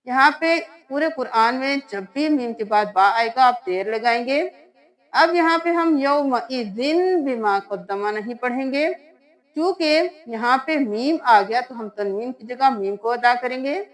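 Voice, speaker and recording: Woman Quran tutor with a Pakistani Urdu accent, high voice, patient step-by-step spelling-out of letters. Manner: patient step-by-step explaining, then slow drawn-out chanting of verses. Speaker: Quran recitation teacher. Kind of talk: spelling-out recitation lesson.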